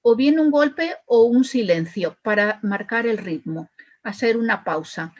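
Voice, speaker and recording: A woman with a fairly high voice explains her work as a speech therapist, walking through example after example with small fillers along the way. The audio is dull and muffled, like a call recording. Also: animated, measured pace. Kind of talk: explaining to an interviewer.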